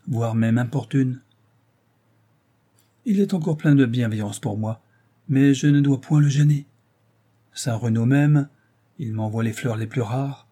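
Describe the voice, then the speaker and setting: A man reading a story aloud in a measured, unhurried narration. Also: mid-range voice, mellow, husky. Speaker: audiobook reader.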